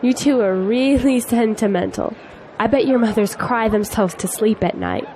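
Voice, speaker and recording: Fairly high in pitch and very animated, this young actress's mellow voice keeps a moderate pace. She plays a spirited young female graduate in audio drama dialogue, teasing but earnest, against faint noise and the sound of an outdoor crowd.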